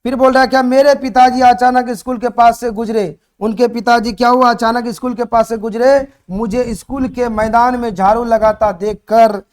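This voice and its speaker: A man explaining a story chapter to students for their board exams. He retells it in lively bits, acts out the characters' shouts and keeps asking his students questions. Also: very high-pitched, normal speed, hardly any pauses. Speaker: teacher.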